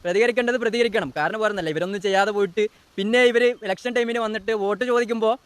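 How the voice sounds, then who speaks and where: Man, reaction host, very rapid sarcastic rant, high voice. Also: clear, resonant tone, no echo. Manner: sarcastic, teasing, rapid-fire ranting. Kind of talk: mocking political commentary.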